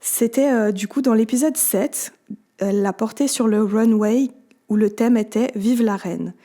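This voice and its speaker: A woman's voice: a little high, a little slow, mellow. A woman in her twenties from Switzerland, a podcast guest who talks with many hesitations and fillers. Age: 20s. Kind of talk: conversational interview.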